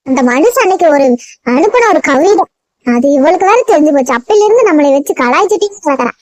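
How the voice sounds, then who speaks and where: Cartoon mom voiced by a performer, very high squeaky pitch, weary and complaining, dry close sound. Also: lively intonation, fast talker, no room sound. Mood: weary grumbling. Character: fed-up older village mother with a headache.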